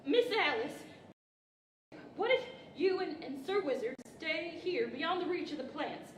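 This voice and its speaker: A woman's voice: very high voice, animated, measured pace. A woman playing a gallant, cautious straw scarecrow in a 1940s-style radio play, with hesitant delivery. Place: large indoor library event hall, live stage. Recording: echoey hall, distant mic, faint noise.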